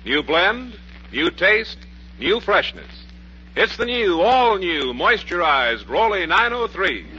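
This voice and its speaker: A man's voice: sits high, big pitch swings, takes it slowly. An American man in the formal, declamatory manner of an old radio announcer, reading a scripted broadcast. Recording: muffled 1940s radio recording, music behind.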